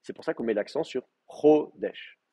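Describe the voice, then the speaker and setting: A man's voice: on the high side, lively intonation, moderate pace, vocal fry, mellow. A male teacher giving a live class, explaining step by step with many fillers and checking that students follow.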